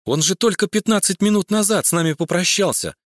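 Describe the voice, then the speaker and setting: A man's voice: brisk, no echo, studio quality, lightly acted. A man voicing Galina, a frightened, caring young woman translator, in a crime audiobook. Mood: worried. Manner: high, urgent cries.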